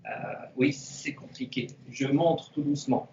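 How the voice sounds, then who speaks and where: A karate instructor teaching an online class to camera, giving slow, repetitive cues and counting out the moves. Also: male voice, mid-range voice, steady tone, warm tone, slight background noise. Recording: roomy, distant, dull sound.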